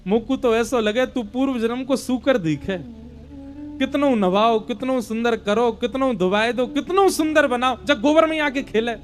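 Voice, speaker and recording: A man's voice: very high-pitched, normal speed. A male preacher voicing Yashoda, a loving mother who scolds her little son fondly. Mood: scolding. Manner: fond scolding.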